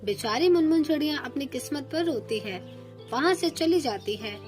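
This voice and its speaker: High-voiced woman narrating a cartoon story. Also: normal speed, soft background music. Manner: steady storytelling.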